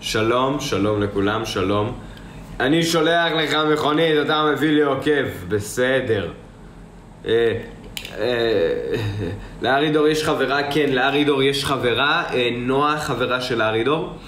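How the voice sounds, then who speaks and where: A man's voice: medium pitch, expressive, fairly bright tone, roomy sound, slight background noise. A young man chatting casually on a live stream, answering viewers and rambling, often repeating himself. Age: young adult. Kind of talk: casual live-stream chat, reading comments aloud.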